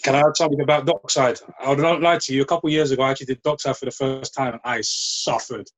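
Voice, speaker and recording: A man in his thirties, a former youth football coach guesting on a podcast, telling stories in an animated, laughing way. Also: mid-range voice, quick pace. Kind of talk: casual podcast chat.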